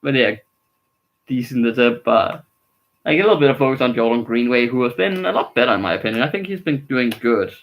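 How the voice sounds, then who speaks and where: A man's voice: mid-range voice, animated, a little fast, lo-fi sound. Male streamer, casual live hockey reactions, rambling and frustrated with his team, mid-range voice. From Denmark.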